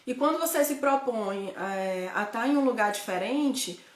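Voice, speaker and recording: A woman with a Ceará accent chats with her viewers in a fairly high voice. She keeps tossing in quick tag questions and restarts her sentences mid-thought. Her voice rings in a roomy, echoey space. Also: expressive. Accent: Northeastern Brazilian, Ceará. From Ceará, Brazil. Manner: chatty, frequent tag questions, self-correcting. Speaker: host, guide living abroad. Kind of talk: casual live chat to viewers.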